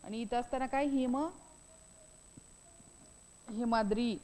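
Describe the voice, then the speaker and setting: A woman's voice: fairly high pitch, measured pace, mellow, big-room sound, poor audio. Woman teaching with repeated questions. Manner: repetitive, asks and answers own questions. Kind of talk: grammar lesson.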